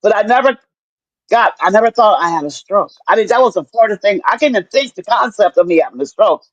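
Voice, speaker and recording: Profane, animated middle-aged woman storyteller. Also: mid-range voice, fast, no echo. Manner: animated storyteller, profane, acts out what people said. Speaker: guest telling her story. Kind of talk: casual chat. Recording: dull lo-fi dry sound.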